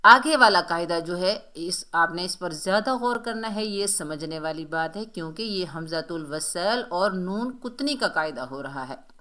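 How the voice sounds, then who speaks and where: Unhurried and lowish, with a fairly bright tone, a woman walks learners slowly through the rules of Quran recitation. Patient in her explanations, she fixes common errors and stretches out example syllables, saying them over several times.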